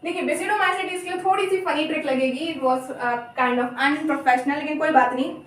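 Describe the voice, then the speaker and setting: Young female tutor, high-pitched, chatty and apologetic, recorded off-mic in an echoey room. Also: far from the mic, slight background noise. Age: young adult. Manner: chatty, apologetic, repeats terms slowly. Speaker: biology teacher. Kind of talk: casual Hindi lecture with mnemonics.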